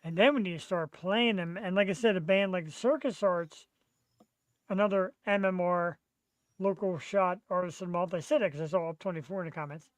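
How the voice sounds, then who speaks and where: Excitable man hosting a podcast. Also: sits high, a little fast, dry recording. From Philadelphia, USA. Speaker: podcast host. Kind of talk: casual live podcast chat.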